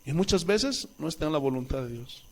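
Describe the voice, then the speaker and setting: A man with a Bolivian Spanish accent preaching a sermon as pastor in a church, asking the congregation questions and swinging between loud calls and soft asides. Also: fairly high pitch, animated, a little fast.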